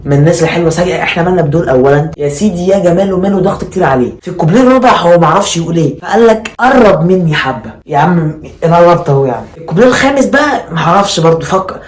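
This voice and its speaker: A man's voice: a little high, animated, racing, reverberant. A man with an Egyptian accent delivering conversational observational stand-up, mock-exasperated, repeating himself and firing off rhetorical questions. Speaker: stand-up comedian.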